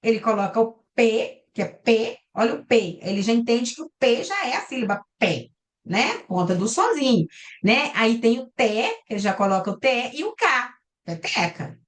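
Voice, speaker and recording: Brazilian woman lecturing over a video call, kinda high voice, keeps checking in with "tá?". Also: animated, moderate pace. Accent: Brazilian Portuguese. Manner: explains step by step, often ending with "tá?" and "né?". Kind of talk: recorded online class lecture. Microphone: computer mic on a video call.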